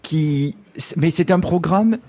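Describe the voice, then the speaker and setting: A man's voice: a little high, slow pace, dark tone. A man speaking as a music critic on a live radio panel, emphatic and enthusiastic, with some wry complaints. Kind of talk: opinionated panel discussion. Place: hotel venue, live before an audience.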